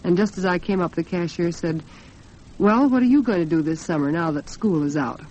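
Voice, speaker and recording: Her voice is fairly low and mellow, with lively intonation and a brisk delivery, as she hosts a 1940s American radio talk program from the studio. Talking conversationally right to her listeners, she comes through on a muffled, noisy 1940s broadcast recording.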